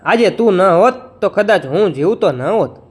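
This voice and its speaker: A man's voice: high voice, lively intonation, normal speed, breathy edge. A man voicing a weak, grateful old man who has just recovered after fainting, in a folk tale.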